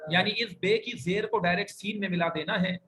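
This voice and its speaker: A man with a Pakistani Urdu accent teaches a language class in a fairly high voice. He stretches out example words slowly and clearly so his students can echo them, over a faint background hiss. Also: fairly even intonation, bright, forceful tone. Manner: slow, drawn-out modeling of words for students to repeat. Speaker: Arabic teacher.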